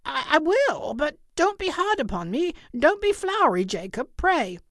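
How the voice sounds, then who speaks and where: A woman voicing a frightened old miser who pleads in a high, shaky voice. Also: huge pitch swings, normal speed, roomy sound, exaggerated voice. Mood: terrified.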